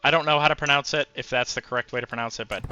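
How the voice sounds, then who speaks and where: A man's voice: mid-range voice, fairly even intonation, very fast, sharp tone, lo-fi sound, slight background noise. A man giving casual commentary while playing a strategy game, musing aloud with frequent fillers. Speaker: gameplay commentator.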